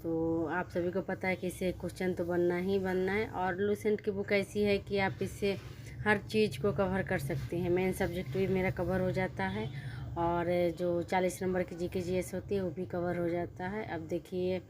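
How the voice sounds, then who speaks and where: A woman's voice: on the low side, flat delivery, moderate pace, background noise. A young woman with a Bihari Hindi accent, chatting casually in a study vlog about her exam preparation, rambling and correcting herself as she goes. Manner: rambling, self-correcting, earnest. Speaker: vlogger studying for a teacher exam.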